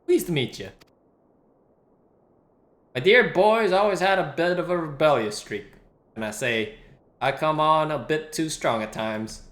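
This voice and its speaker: A game streamer reading the lines of a fierce, sharp-tongued middle-aged mother and wife in a brusque, scolding way. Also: mid-range voice, measured pace, long pauses, lightly acted. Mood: friendly. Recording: roomy sound with game music.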